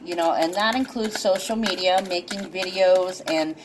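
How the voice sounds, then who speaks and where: Low-voiced lady chatting through a horoscope reading, lots of ums and restarts. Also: normal speed, heavy background noise. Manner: rambling with many fillers and restarts; chuckles now and then. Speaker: intuitive astrology reader. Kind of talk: casual monologue.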